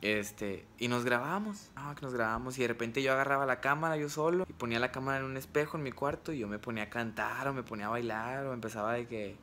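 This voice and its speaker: A man's voice: mid-range voice, fast, hardly any pauses, slight background noise. A young man with a Mexican accent, a vlogger telling funny, self-mocking stories from his childhood to camera. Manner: animated, comic, self-mocking storyteller. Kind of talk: casual storytelling to camera.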